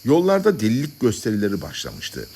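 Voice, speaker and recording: A man narrating a satirical story as an audiobook reader, with an expressive, dramatic delivery. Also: fairly low pitch, a little fast, a little hiss or hum.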